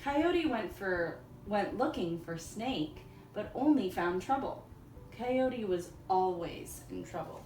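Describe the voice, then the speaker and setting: A woman teacher reading a storybook aloud for young children, in simple, deliberate phrases. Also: mid-range voice, animated, a little mellow. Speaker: elementary school teacher. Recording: echoey room, distant mic, faint noise.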